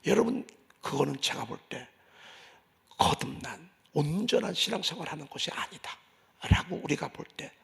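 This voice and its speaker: A male pastor preaching a sermon in a church, swinging from loud declarations to hushed asides. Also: a little high, animated, normal speed, gravelly. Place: church sanctuary.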